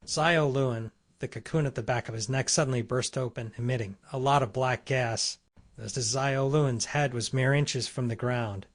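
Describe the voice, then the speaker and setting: A man narrating a comic recap in a steady, scripted storytelling read. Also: mid-range voice.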